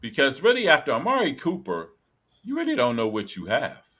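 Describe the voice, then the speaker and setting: Bright-voiced man talking sports. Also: medium pitch, wildly swooping pitch, brisk. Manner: conversational, reads from an article, repeats phrases for emphasis. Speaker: sports podcast host. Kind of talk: casual sports talk.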